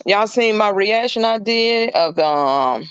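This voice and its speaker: A man's voice: high voice, expressive, measured pace, a bit bright, clear, resonant tone, no room sound, highs cut off. Chatty middle-aged man, livestreaming. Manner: chatty and rambling, fills talk with "you know" and greets viewers by name. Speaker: caregiver streaming live. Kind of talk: casual livestream chat. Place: indoors at a client's home.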